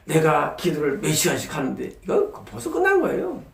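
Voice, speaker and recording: A man's voice: on the high side, wildly swooping pitch, brisk, gravelly, a bit bright, reverberant. A male pastor preaching a sermon, asking rhetorical questions and answering them with emphasis. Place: church sanctuary.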